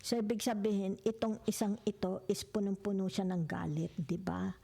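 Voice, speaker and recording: A woman talks through a tarot spread in a low, gravelly voice. Her tone is dark and mellow, and she drifts into soft whispers now and then. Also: fairly even intonation, normal speed. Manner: chatty, mixes English into Tagalog, keeps checking "di ba?"; drops into whispers at times. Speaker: tarot reader. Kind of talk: casual tarot reading.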